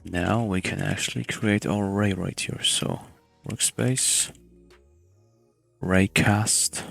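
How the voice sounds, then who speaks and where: Hushed, low-voiced young man, quiet at night. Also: steady tone, slow pace, vocal fry, faint music behind. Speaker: tutorial host. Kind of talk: casual screen-recorded game development tutorial.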